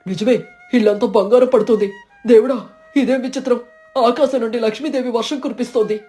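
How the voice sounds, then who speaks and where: A good-hearted, humble village husband from a storybook cartoon, played by a woman, talking gently and earnestly. The tone is dark and mellow, slightly low, with soft music underneath. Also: steady tone, fairly quick, close to an everyday voice. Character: kind humble poor village man. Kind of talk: storybook character voice.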